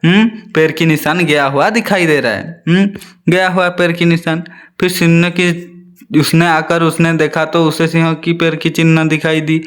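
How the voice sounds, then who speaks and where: Guy teacher going over a kids' story, keeps repeating stuff and asking the children questions, kinda high voice. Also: little pitch movement, moderate pace. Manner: repeats lines and quizzes the children. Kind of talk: storybook lesson for young children.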